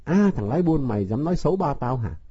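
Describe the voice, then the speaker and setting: A swaggering young bully, put on by a man reading a storybook, taunting and crude. The voice swings widely in pitch and has a dark, husky tone. It sounds dull and muffled, as if from an older recording. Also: very animated, fast talker. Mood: jeering. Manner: jeering, swaggering insults.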